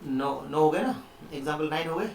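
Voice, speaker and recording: A man's voice: a little high, animated, fairly quick, darkish tone, slight background noise. A man teaching a chemistry lesson online, explaining step by step and often asking the students questions. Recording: echoey room, mic at a distance.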